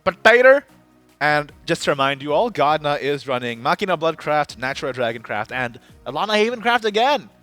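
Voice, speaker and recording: A male esports caster with a bright, forceful voice that swings up and down a lot. He gets excitable and breaks into shouts at big plays. Faint music plays behind him. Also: a little high, a little fast, hardly any pauses. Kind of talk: live esports commentary.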